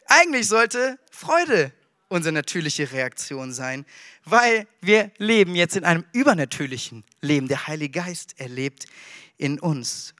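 A man preaching a sermon in a casual, slangy, animated way, dropping English words into his talk. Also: a little high, a little slow, no echo, studio quality. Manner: animated, emphatic delivery.

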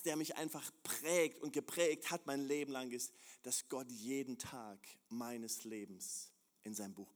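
A man preaching a sermon, his voice dropping to soft, prayer-like murmurs and then climbing into loud, driving repetition. His pitch sits in a middle range. The voice carries a long reverb, as from a church hall. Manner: swings between hushed intimate prayer and loud rising emphasis; repeats phrases in building rhythm. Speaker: pastor.

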